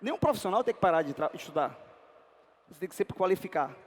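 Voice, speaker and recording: A man's voice: high-pitched, animated, quick pace, long reverb tail. A Brazilian man teaching an exam-prep language lesson, constantly asking his students to confirm with short tag questions. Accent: Brazilian Portuguese. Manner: peppers talk with tag questions.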